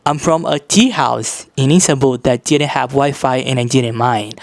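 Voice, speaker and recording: An earnest man from Brazil talks through a reflective vlog monologue, easing off to linger on the phrases that matter. His voice sits at an ordinary middle pitch. The sound is dry and close, with no room around it. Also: no room sound. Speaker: vlogger.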